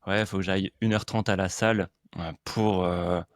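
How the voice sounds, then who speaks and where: A man's voice: low-pitched, fairly even intonation, moderate pace, no echo, clean studio sound. A man hosting a casual podcast conversation and coaching, talking in a hesitant, laid-back way with many fillers.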